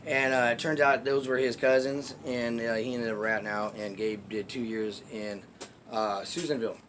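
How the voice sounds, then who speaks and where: A man at an ordinary middle pitch tells a long, casual vlog story, swearing freely and rambling between points. His voice sinks into low asides and then rises in loud, emphatic bursts. A faint hiss runs under the recording. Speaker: vlogger telling neighborhood stories.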